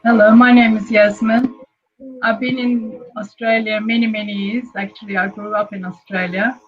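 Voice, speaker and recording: An older woman, a retired teacher, introducing herself in a measured way on a video call. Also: medium pitch, flat delivery. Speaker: retired teacher, panel guest. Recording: muffled call audio.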